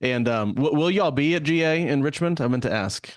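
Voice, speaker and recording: A man's voice: a little high, lively intonation, fairly quick, no echo, studio quality. A man hosting a casual podcast chat, friendly and often restarting his words. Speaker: podcast host.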